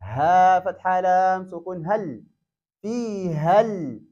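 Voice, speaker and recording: A man's voice: sits high, takes it slowly, dark tone. A man teaching Quran reading, spelling out each letter and vowel mark and then blending the syllables into whole words. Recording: dull lo-fi recording.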